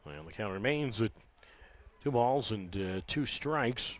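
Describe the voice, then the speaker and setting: A man calling live baseball play-by-play from the ballpark, relaxed and conversational, with dry sarcastic asides. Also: on the low side, measured pace. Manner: conversational, wry asides, filler "uh" between counts. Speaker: play-by-play announcer.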